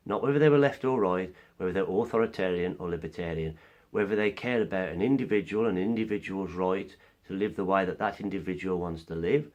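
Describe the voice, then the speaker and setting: A man's voice: deep voice, a little fast, a little mellow, dull audio. A man with a cold, giving an earnest, explanatory opinion monologue as a vlogger. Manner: earnest, explains through analogies. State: has a cold, coughing now and then.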